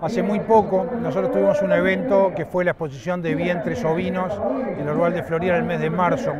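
Outdoors at a livestock fairground, a middle-aged Uruguayan man who presides over a rural association is interviewed amid a loud crowd. He speaks Uruguayan Spanish in a high, steady voice, stumbling with many fillers and restarts, and the recording is muffled.

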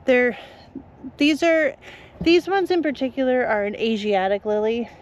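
A woman's voice: fairly high pitch, lively intonation, measured pace. A woman flower farmer, chatty, explaining step by step outdoors in her garden. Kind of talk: casual gardening tutorial.

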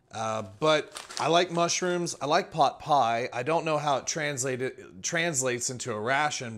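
A man's voice: medium pitch, fairly bright tone. Chatty man reviewing ration packs. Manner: chatty, rambling, frequent fillers and restarts. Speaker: food reviewer, channel host. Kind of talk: casual product walkthrough. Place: indoors at a table.

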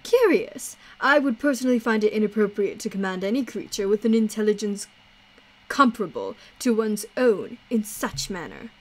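A woman's voice: mid-range voice, big pitch swings, normal speed, a little mellow, poor audio. A woman reading a formal, eloquent male dreamer. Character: formal, dreamy male traveler planning a circus.

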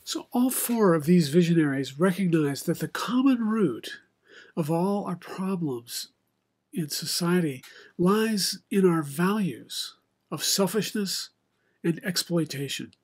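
An older man, preaching a sermon from a home study with bookshelves into a webcam, in a measured, reflective way with many pauses. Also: sits high, expressive, darkish tone, slightly rough. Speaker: pastor. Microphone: video call webcam, head and shoulders.

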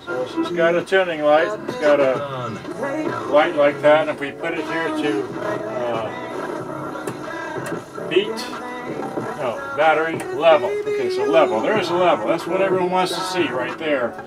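An older man, a product reviewer, handles gear in a casual, offhand, rambling demonstration, speaking at a moderate pace in a fairly high voice and pausing often. He's in a carpeted indoor room, recorded by a camera microphone a few feet away, with loud music playing from a cassette radio.

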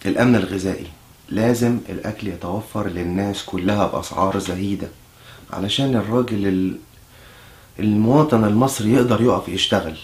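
Egyptian man, brisk mock-candidate patter, keeps restarting his sentences. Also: on the low side. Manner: fast, chatty, self-interrupting. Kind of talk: satirical campaign monologue.

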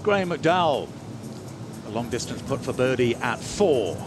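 A man's voice: mid-range voice, animated, a little slow, over music. A man working as a golf commentator, calling putts in live sports commentary.

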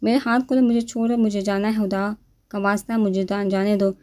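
A woman's voice: medium pitch, flat delivery, mellow, lightly acted. A woman reading as a terrified, pleading girl. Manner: pleading, desperate.

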